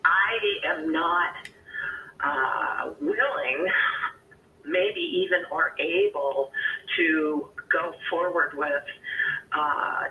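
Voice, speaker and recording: A woman's voice: low-pitched, pushed and bright. Older woman over a landline phone. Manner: plainspoken, candid, unhurried with fillers. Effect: heard over a landline phone. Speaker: homeowner on a sales call. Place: at home. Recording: distant echoey phone line with faint hiss.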